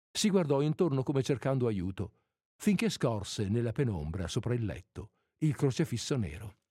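Expressive Italian-language story reader, man. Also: medium pitch, no room sound, studio quality. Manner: expressive, dramatic narration. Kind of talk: literary reading aloud.

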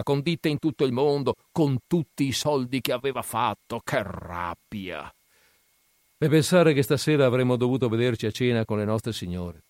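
A man voicing a pompous, quick-tempered wine magnate who bursts into shouted dialect insults. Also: medium pitch, no echo, clean studio sound, close to an everyday voice. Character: irate pompous male wine magnate, middle-aged.

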